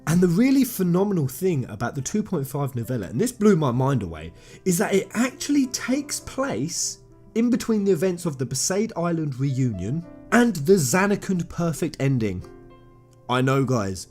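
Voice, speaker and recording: A man's slightly high, very animated, somewhat mellow voice moves at normal speed as he commentates on a video game. He recounts a story to viewers informally and enthusiastically, repeating and stressing phrases, while music plays behind him.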